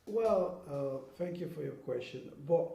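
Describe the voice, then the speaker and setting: The man's voice is fairly high, creaky and warm, animated but unhurried. Being interviewed in a room with noticeable echo, this guest from Kinshasa, Congo, explains earnestly, regularly checking in with "okay?" and "you know what I mean?".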